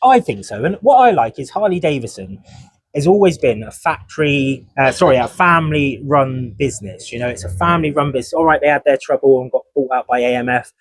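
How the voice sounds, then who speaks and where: Husky-voiced man, casual chat. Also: mid-range voice, animated, brisk, no room sound. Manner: chatty, reads from notes. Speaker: podcast co-host. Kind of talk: casual chat about motorcycle racing. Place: motorcycle dealership event.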